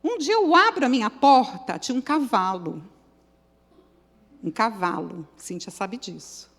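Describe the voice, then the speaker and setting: A middle-aged woman with a Brazilian accent trains church children's workers, telling stories with lively energy and speaking straight to her listeners. Her voice sits fairly high. The sound carries a long reverb, as in a church hall. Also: measured pace. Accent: Brazilian Portuguese. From São Paulo, Brazil. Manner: lively storytelling, addresses the group directly.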